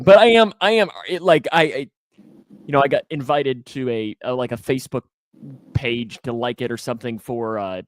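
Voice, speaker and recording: Here a broadcaster in his 20s, voice at medium pitch with no echo, runs an informal sports talk show. His delivery is forceful, and he repeats phrases to make them stick.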